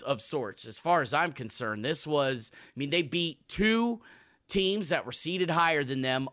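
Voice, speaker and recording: A man's voice: medium pitch, a bit bright, no room sound, clean studio sound. A man hosting a sports podcast in a casual, emphatic and jokey conversational way.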